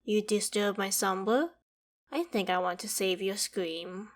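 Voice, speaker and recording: A woman voices a haughty ancient dragon in an ASMR roleplay, delivering a dramatic monologue to the listener. Her natural, medium-pitched voice moves slowly, with theatrical, deliberate, imperious phrasing. The dragon is menacing and gloating, and curious about humans.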